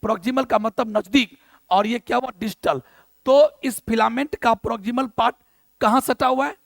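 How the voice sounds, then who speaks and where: A man's voice: very high-pitched, moderate pace, gravelly, no room sound. A male biology teacher with a Bihari Hindi accent gives a lecture on a mind map, keeps asking questions and answering them himself, and mixes in English terms.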